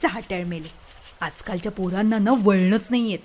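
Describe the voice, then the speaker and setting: A woman's voice: medium pitch, normal speed, darkish tone, lightly acted. A woman voicing a grumbling older village woman who nags at boys splashing in the river, read as part of an audiobook story. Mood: scolding. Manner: scolding, nagging. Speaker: co-reader voicing village women.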